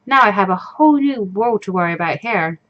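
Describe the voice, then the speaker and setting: A woman reads a visual novel aloud, voicing an anxious, introspective fourteen-year-old girl in a troubled, hesitant inner monologue. Her mid-range voice is expressive and a little fast, close to everyday speech, on a muffled recording.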